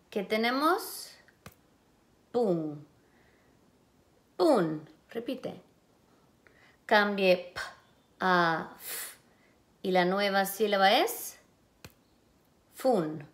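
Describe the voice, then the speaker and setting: A woman teaching a class of young children speaks at a very slow, deliberate pace. She pulls each syllable apart into its separate sounds and patiently prompts the class to repeat after her. Her pitch sits in an ordinary middle range. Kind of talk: phonemic awareness lesson for children.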